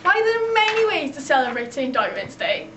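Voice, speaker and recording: Young female presenter, South Wales Valleys accent, high voice, homemade explainer video with echoey sound. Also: very animated, brisk. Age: young adult. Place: small computer room, living room and shopping streets. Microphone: camcorder microphone a few feet away. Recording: roomy echo with clear background noise.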